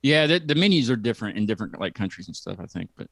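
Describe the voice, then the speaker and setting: A man's voice: fairly low pitch, big pitch swings, rapid-fire, creaky, no echo. A man hosting a casual interview, rambling and repeating words as he searches for what to say. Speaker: podcast host.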